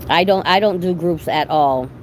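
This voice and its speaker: There's clear background noise as a middle-aged livestream host from Boston, USA, chats with her viewers at a normal speed. Her voice is fairly low, and her talk is salty and slangy, with plenty of swearing.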